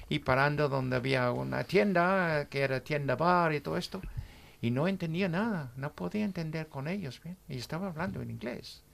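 A man in his sixties, an English native with an accent in Spanish, chatting as a radio guest in a halting way, often checking with "¿bien?". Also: mid-range voice, creaky. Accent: English speaker in Spanish. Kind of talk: casual radio chat.

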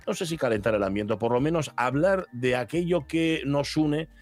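A man hosting a radio show, chatting in a relaxed way and pausing on fillers as he reads listener messages. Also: medium pitch. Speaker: radio host. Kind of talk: casual radio chat. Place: radio studio.

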